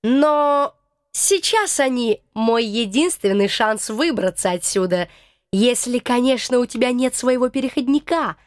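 Audiobook: woman reading a touchy, self-important male scientist, nervy and huffy, high voice. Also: lively intonation, measured pace, no room sound, studio quality. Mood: nervous boastful. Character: jittery runaway male scientist, touchy and boastful.

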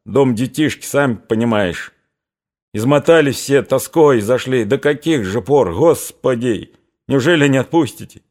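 A man's voice: lowish voice, moderate pace, darkish tone, close to an everyday voice. A man voicing a tall, stooped, aging male soldier with a nasal voice, in a spoken audiobook. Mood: pleading.

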